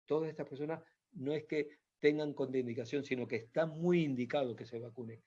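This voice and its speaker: A man's voice: on the high side, steady tone, brisk, a little mellow, breathy edge. Man explaining, muffled lo-fi sound. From Spain. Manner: explanatory, repetitive, many hesitations. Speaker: doctor giving a talk. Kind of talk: informal health talk with slides. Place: Canary Islands. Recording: dull lo-fi sound.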